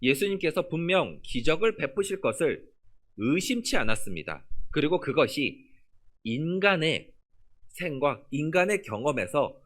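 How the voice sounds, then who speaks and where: The pastor preaches unhurriedly from the church pulpit, his pitch climbing and falling with animation. As he reads from scripture, he lets the last words settle low and soft.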